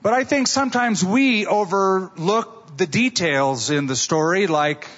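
A pastor delivering a sermon at a pulpit microphone, telling stories in a conversational way and asking rhetorical questions. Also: male voice, high-pitched, animated, a little slow, a bit bright, big-room sound, lo-fi sound.

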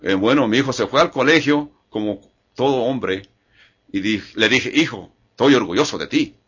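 A man's voice: mid-range voice, normal speed, a bit bright, breathy edge, dull audio. An older man preaching a sermon in Spanish-language church style, earnest and repetitive, often restarting his phrases.

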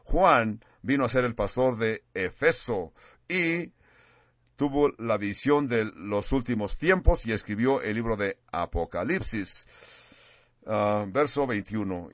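A man's voice: medium pitch, no echo. A man preaching from the pulpit in a mid-range voice, pressing hard on key words and circling back to repeat phrases. He sometimes stumbles and restarts a word. The recording is dry and muffled, with a lo-fi dullness. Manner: emphatic, stresses words and repeats phrases for effect. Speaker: pastor. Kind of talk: sermon.

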